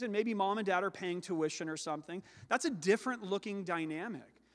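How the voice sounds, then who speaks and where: A pastor, an adult man with children, delivers a sermon in a high, loud, carrying voice. He slows down to stress the words he wants to land, and the long echo of a large hall rings around him.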